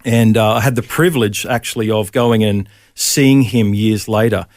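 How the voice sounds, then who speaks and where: A man's voice: on the low side, steady tone, normal speed, a little mellow, no echo, clean studio sound. A middle-aged Australian man, a pastor, telling his faith story in a casual interview, with many ums and restarts.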